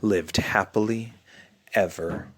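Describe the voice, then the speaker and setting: Dad telling a bedtime story. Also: male voice, on the low side, takes it slowly. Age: adult. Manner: relaxed, chatty storytelling with playful asides. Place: dark bedroom.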